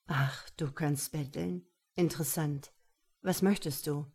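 Woman reader putting on a domineering man: low, curt commands, slow and deliberate. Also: lively intonation, a little mellow, breathy edge, full character voice. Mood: commanding. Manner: low, clipped orders.

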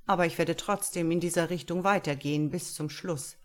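Woman voicing a brisk, confident master detective. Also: on the low side, lightly acted.

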